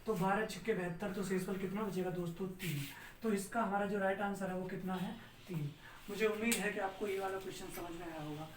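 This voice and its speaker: A man's voice: high voice, fairly quick. A man teaching an exam-prep math lesson step by step, asking his students questions and answering them himself. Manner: steady, step-by-step explaining. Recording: roomy sound, distant mic, faint noise.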